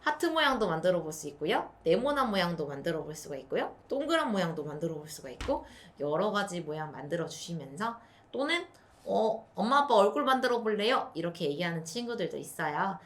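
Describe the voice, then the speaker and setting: A young woman teaching parents play activities for small children, switching into a bright sing-song voice when acting out what to say to a child. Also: on the low side, big pitch swings, brisk. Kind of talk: instructional video for parents.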